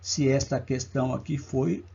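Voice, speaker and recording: In a muffled recording, a mid-range male voice, steady and warm with vocal fry and a slight roughness, walks students through math problems for a public exam. His accent is Brazilian Portuguese, and he moves slowly, counting every part out loud.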